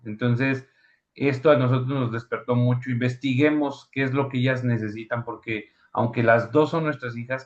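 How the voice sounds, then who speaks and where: A man sharing reflectively as a father in a church parenting talk. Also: mid-range voice. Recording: slightly muffled recording.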